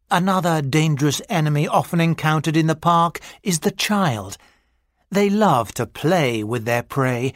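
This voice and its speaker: A narrator reading a mock-serious nature documentary script for a listening exercise, in a measured, scripted delivery. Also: medium pitch, no room sound, studio quality.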